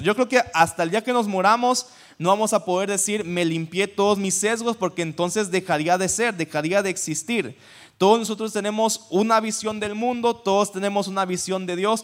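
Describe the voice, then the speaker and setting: High-voiced man preaching conversationally. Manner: conversational, asks the audience questions. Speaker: pastor. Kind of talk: sermon teaching.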